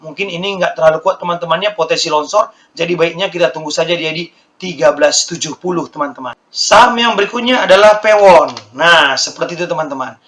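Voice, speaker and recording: A man with a hoarse, slightly raised voice gives a quick-paced stock market lesson over his charts. He circles back to the same figures again and again and keeps speaking to the viewers as friends. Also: a little high, fairly bright tone. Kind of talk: screen-share stock chart walkthrough.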